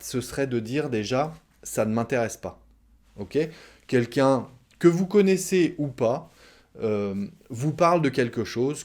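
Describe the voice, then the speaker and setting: A man with a French accent teaching a relaxed spoken lesson, explaining patiently and acting out short example exchanges. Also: medium pitch.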